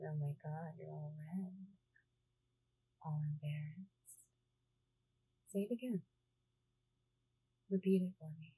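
Breathy low-voiced woman in hushed roleplay. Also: slow pace, long pauses, no echo, rough recording. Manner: teasing, slips between soft talk and whispers. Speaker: audio roleplay performer. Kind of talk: intimate ASMR roleplay.

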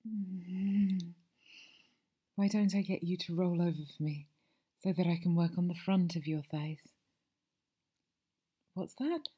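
A woman performing an ASMR audio roleplay as a masseuse, talking softly and soothingly and often slipping into whispers. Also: lowish voice, level tone, a little slow, pauses often, breathy edge.

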